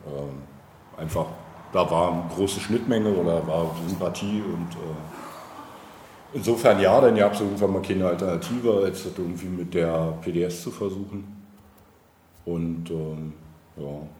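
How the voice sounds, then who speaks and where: A middle-aged local politician from East Germany answers interview questions reflectively over coffee, face-to-face in an indoor room. His low, warm voice is conversational but halting as he searches for words. The room sounds echoey, with faint background noise.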